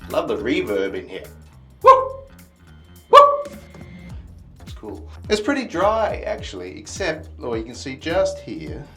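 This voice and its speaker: A man's voice: mid-range voice, wildly swooping pitch, slow pace, long pauses, pushed and bright, soft background music. A man casually chatting to the camera while working, his voice echoing with the reverb of an enclosed metal space. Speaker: DIY vlogger. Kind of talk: casual self-filmed chat.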